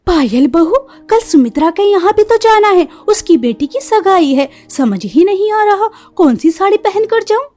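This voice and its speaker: A woman's voice: very high voice, sing-song, normal speed, hardly any pauses, a little mellow. A woman voicing a strict middle-aged mother-in-law in a cartoon story, bossy and scolding. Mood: chummy.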